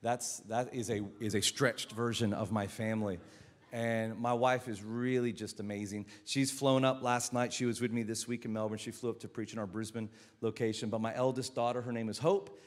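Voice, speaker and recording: A man with an American accent preaching a lively, joking sermon as a guest pastor, often stumbling and repeating words. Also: medium pitch, moderate pace, long reverb tail. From Philippines.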